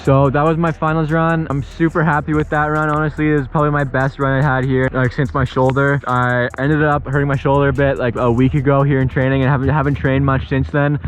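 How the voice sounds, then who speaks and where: A man talking casually and frankly to the camera as a skier vlogging outdoors on a ski slope. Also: medium pitch. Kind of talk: casual vlog talk to camera. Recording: dull lo-fi audio with music behind. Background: music.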